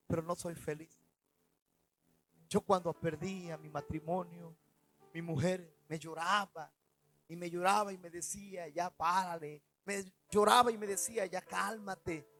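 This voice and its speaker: A man, a pastor preaching a sermon, swinging between loud and soft as he retells stories in the first person. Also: steady tone, measured pace, soft background music, low-quality recording. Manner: preaching with dramatic swings in loudness and pitch.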